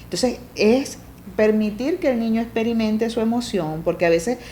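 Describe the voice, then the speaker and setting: A middle-aged woman with a warm, mellow voice speaks as a family coach in a relaxed interview. She explains step by step, often checks that her listener follows, and acts out parent-child exchanges with lively jumps in pitch. A faint hiss of background noise sits under her voice. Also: normal speed. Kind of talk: conversational interview.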